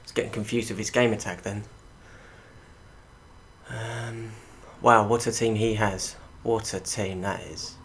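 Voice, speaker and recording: British male gamer, lowish bright forceful voice, casual running match commentary, slight background noise. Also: flat delivery, a little slow. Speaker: gaming YouTuber.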